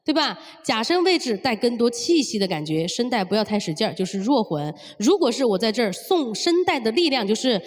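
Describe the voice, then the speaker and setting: A woman's voice: a little high, very animated, a little fast, few pauses. A woman singing teacher explaining technique at the piano, stepping through points and checking in with rhetorical questions. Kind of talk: vocal lesson at the piano. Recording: long reverb with piano music behind.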